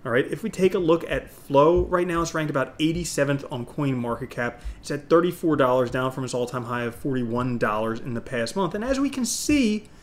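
A middle-aged crypto YouTube host talks to the camera in an opinionated video, sounding like an informal, salesy crypto bro. His medium-pitched voice is animated and a little fast, with hardly any pauses.

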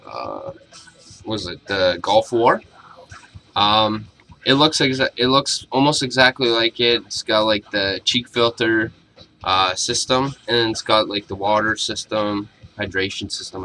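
A man's voice: lowish voice, pushed and bright, slight background noise, rough recording. A young adult man giving a casual video review in a blunt, informal way. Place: small cluttered bedroom, indoors.

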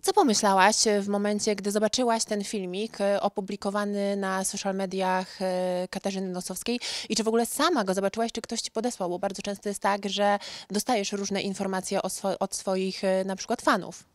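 A woman's voice: medium pitch, level tone, brisk, no echo. A young woman reporter asking friendly, winding questions on a studio sofa into a handheld mic. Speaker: interviewer, entertainment reporter. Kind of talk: showbiz interview questions. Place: indoor studio set on a sofa.

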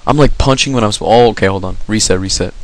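A man on a headset giving live gameplay commentary, excitable and swearing as he shouts at the game. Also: on the low side, fast, gravelly. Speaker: gaming video host.

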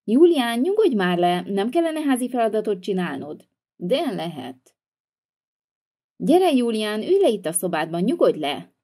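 A woman's voice: medium pitch, sing-song, warm tone. A woman voicing an exasperated scolding mom. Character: bossy scolding mother. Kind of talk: toy-figure video voice acting.

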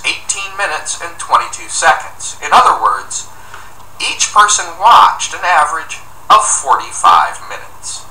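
Middle-aged man, upbeat step-by-step tutorial narrator, lively pitch, distant mic in an echoey office. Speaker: software tutorial presenter. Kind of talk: screencast walkthrough narration. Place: office room indoors, at a desk. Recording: roomy, distant mic with faint noise.

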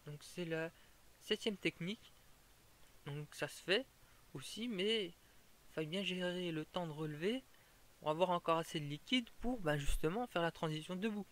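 A man's voice: sits high, moderate pace, a bit bright. A man explaining a fire-breathing tutorial in an informal way, stopping and restarting as he goes over each step.

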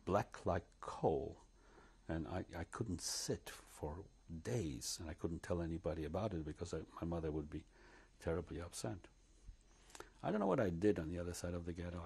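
Wearing a lapel mic in his living room, an elderly man from Poland shares his recollections in an interview. He speaks in a low, somewhat dark and slightly gravelly voice, taking his time, often pausing and starting over.

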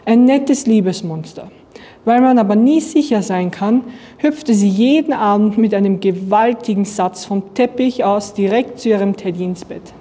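A young woman from Austria reads a children's picture book aloud in a calm, even storytelling voice. Her tone is mellow and soft. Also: medium pitch, moderate pace. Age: young adult. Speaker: student reading aloud.

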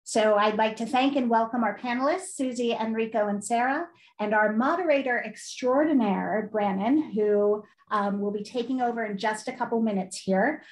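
A woman opening an online panel with a measured, warm welcome. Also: fairly high pitch, echoey room, poor audio. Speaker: event host. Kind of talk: scripted welcome.

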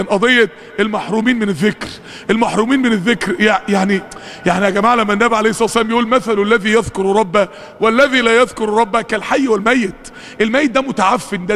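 Egyptian male preacher in his forties, very high bright voice, quick fervent delivery, lecture-hall reverb. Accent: Egyptian Arabic. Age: 40s. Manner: fervent, chants Quran verses in rising drawn-out shouts. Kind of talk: sermon.

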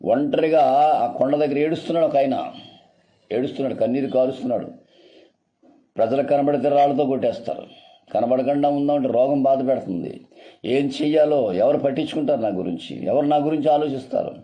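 A man's voice: medium pitch, fairly quick, lo-fi sound. A male pastor preaching a sermon earnestly, repeating phrases and calling his listeners beloved.

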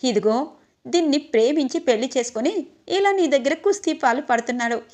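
A woman's voice: high voice, expressive, brisk, a little mellow. A woman reading the lines of a scornful young woman who mocks her former husband. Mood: mocking. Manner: mocking.

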